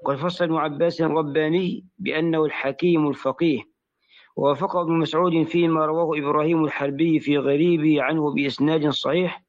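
A man's voice: a little high, fairly even intonation, fast talker, dull audio. Man reading a classical text aloud. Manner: careful reading that spells out vowels and letters.

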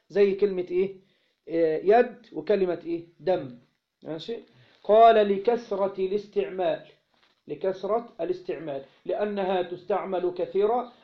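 A man with an Egyptian accent teaches in a high-pitched voice, slowing down and raising his voice to read the quoted text. He keeps asking short questions and answering them himself. The recording sounds dull and lo-fi. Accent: Egyptian Arabic. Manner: reads the quoted text slowly and more loudly. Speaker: religious studies teacher. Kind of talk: classroom text commentary.

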